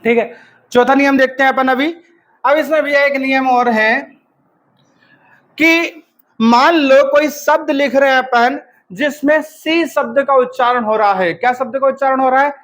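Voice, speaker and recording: High-voiced man teaching with a cold. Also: moderate pace, a bit bright. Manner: drilling by asking and answering his own questions, spelling letter by letter. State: has a cold. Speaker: English teacher for exam prep. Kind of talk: exam-prep lesson.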